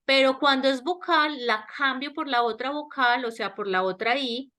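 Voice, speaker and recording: A woman's voice: high voice, sharp tone. A woman teaching English grammar in an online class, speaking Spanish with a Latin American accent and often checking that students understand. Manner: slow, explanatory, checks understanding with repeated questions. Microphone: webinar headset or laptop mic.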